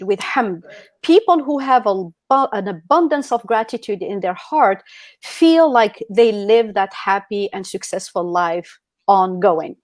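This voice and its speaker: On an indoor video call, a middle-aged woman from Algeria delivers a motivational talk as the guest presenter at an online e-commerce summit. Her voice is medium in pitch, with no room sound at all.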